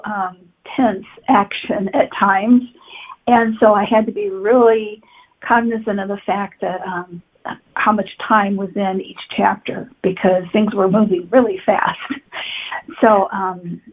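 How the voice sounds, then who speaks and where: Over a tinny, phone-like connection, a guest novelist on a podcast describes her writing in a plain, chatty way. She speaks unhurriedly at a medium pitch, her intonation fairly even.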